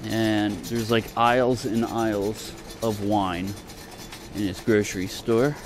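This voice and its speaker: A vlogger gives a casual supermarket tour, filmed on a handheld camera he speaks from behind, with clear store ambience in the background. He sounds offhand and hesitant, trailing off in fragments, his lowish voice flat and slow.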